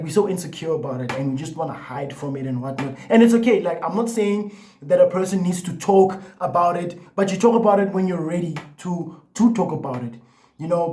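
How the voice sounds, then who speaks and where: Speaking to the camera in a casual way, this young man vlogs with a stutter that makes him repeat words and restart, filling his loose talk with "like" and "you know." His voice is fairly high and warm, with slight background noise.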